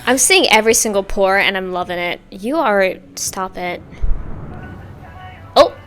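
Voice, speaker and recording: A woman giving a casual, campy, sassy music video reaction, gushing and swinging between loud exclamations and hushed asides. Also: mid-range voice, expressive, a little slow. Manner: swings from sudden loud outbursts to near-whispered asides.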